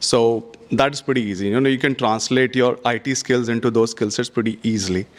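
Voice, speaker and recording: A man's voice: mid-range voice, steady tone, a little fast. A man speaking on a conference panel, giving earnest, advice-heavy answers with frequent "you know" and "having said that". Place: conference stage.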